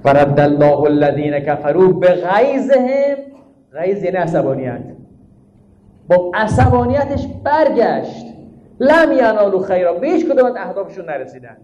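A man's voice: high-pitched, big pitch swings. A man giving a sermon, asking his listeners rhetorical questions, stressing his points, and reciting Arabic verses. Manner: rhetorical questions, emphatic teaching tone. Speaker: preacher. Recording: dull, echoey hall recording.

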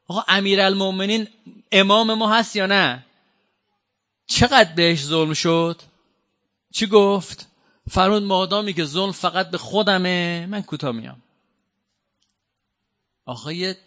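Bright-voiced male preacher, high pitch. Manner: conversational, addresses audience directly with questions. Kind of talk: sermon with Quran exegesis.

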